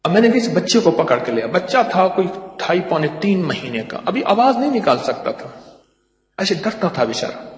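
An older man, an herbal doctor telling stories in an animated, folksy lecture. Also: high voice. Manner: animated storyteller, folksy asides. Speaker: herbal doctor giving a talk. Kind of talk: storytelling lecture. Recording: echoey hall with long reverb.

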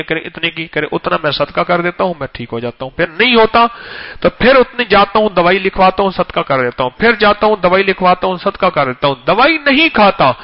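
A man preaching an emotional storytelling sermon, repeating phrases for emphasis and swinging between loud and hushed delivery. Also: high-pitched. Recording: dull lo-fi recording.

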